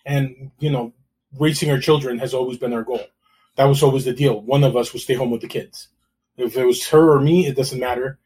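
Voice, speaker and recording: A Salvadoran realtor in middle age recounts his story on an interview in a calm, dryly self-mocking way. He has a mid-range, slightly rough voice and talks briskly.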